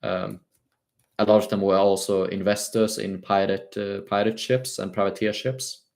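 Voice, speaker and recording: A young Swedish man speaks English with a light British lean over his Swedish accent, in a slightly low voice. He answers viewer questions on a casual livestream, pausing often with ums and uhs and restarting his sentences. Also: steady tone, creaky, a little mellow. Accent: Swedish-tinged British English. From Sweden. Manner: hesitant, many fillers and restarts.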